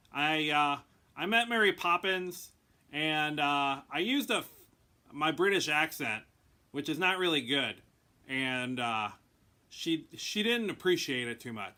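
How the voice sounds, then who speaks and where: Halting, bright-voiced male co-host. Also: a little high. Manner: hesitant, halting. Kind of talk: casual chat.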